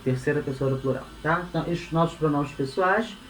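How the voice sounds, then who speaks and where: Man from Brazil, patient grammar teacher, voice a bit high, echoey room, faint background hiss. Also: fairly quick. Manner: patient, repeats points, tags phrases with "né?" and "tá?". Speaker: Spanish teacher. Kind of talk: explanatory language lesson.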